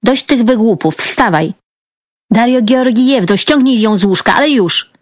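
A woman's voice: fairly high pitch, expressive, moderate pace, dry recording, clean studio sound. A woman reading an audiobook, voicing a strict middle-aged mother who scolds her daughters. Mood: scolding. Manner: scolding, commanding.

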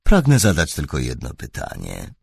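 A man voicing a calm and shrewd male detective who speaks in a soft, measured, dry way. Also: very deep voice, gravelly, breathy edge, no echo, pitched below the performer's own voice, heavily acted.

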